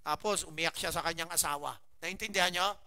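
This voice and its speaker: A man preaching a sermon, mixing Tagalog and English and retelling a Bible story with animated voices for its figures. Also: on the high side, fairly quick. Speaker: pastor.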